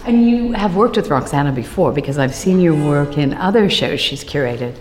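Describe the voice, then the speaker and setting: A woman's voice: deep voice, animated, moderate pace, darkish tone, slight background noise. A woman hosting an arts interview, putting questions and introductions to her guest.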